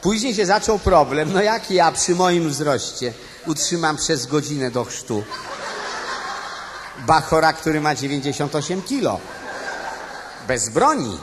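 A man's voice: on the high side, animated, measured pace, pauses often, noisy background. A man performing a live cabaret monologue, chatting straight to the audience in a storytelling manner with tag questions. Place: stage before a live audience. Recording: live stage recording with long hall reverb and music.

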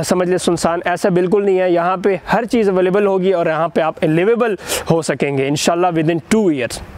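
Young man, Pakistani Urdu accent, high-pitched voice, outdoor site walk-through, lapel mic, many fillers. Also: darkish tone. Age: young adult. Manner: talks to camera with frequent "uh" fillers and restarts. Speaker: property channel host. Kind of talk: on-site real estate update. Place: outdoors on a construction site street.

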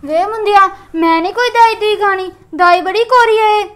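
A grown woman who talks like a little child, stubborn and whiny, refusing her medicine in a piping high voice, as an actress plays her. Her voice sits extremely high. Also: normal speed, faint music behind. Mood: stubborn childlike. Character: young woman with a childlike mind.

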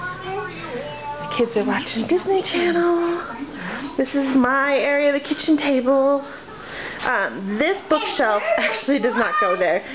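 A woman's voice: sits high, animated, takes it slowly, pauses often. Chatty young woman giving a home tour. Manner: chatty, self-deprecating, rambling asides. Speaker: vlogger. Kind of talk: casual house tour vlog. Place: home, walking through rooms. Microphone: handheld camera mic. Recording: dull lo-fi camera audio with household noise.

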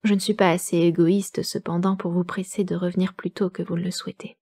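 A woman reading aloud the letter of a distressed young woman, in a measured, sorrowful way. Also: fairly low pitch, little pitch movement, dark tone, slightly rough, dry recording, clean studio sound. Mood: anxious.

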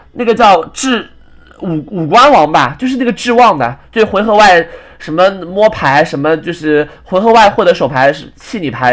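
A young man recounts an annoying teammate from an online card game, griping and restarting his sentences as he goes. He talks quickly in a slightly high voice that swings up and down with feeling. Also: a bit bright. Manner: ranting, exasperated retelling with frequent restarts. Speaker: game commentator. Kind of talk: casual gameplay storytelling.

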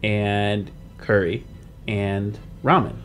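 Hosting a podcast as a game master, a man chats casually about world building, thinking aloud with plenty of hesitation. His voice is fairly low with fairly even intonation, and he speaks very slowly. Background music plays under his voice.

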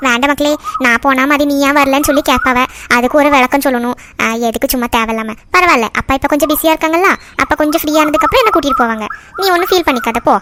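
Cartoon mom voiced by a woman: middle-aged, doting, indulgent, high and fast. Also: a bit bright, no room sound. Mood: tender. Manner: tender, indulgent.

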